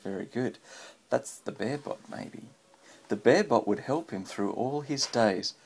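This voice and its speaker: Gravelly, darkish, and slightly rough, this medium-pitched male voice has lively intonation and a measured pace. A father reads a children's story aloud to his child, breaking off for casual chat and encouraging questions. He's recorded at home on a handheld phone, with faint background noise.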